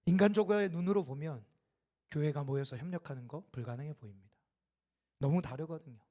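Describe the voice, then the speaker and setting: A man preaching a Sunday sermon as a pastor, building to impassioned loud peaks and falling back to quiet, and acting out the dialogue in his stories. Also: a little high, a little fast. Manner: acts out quoted dialogue in the telling. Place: church sanctuary.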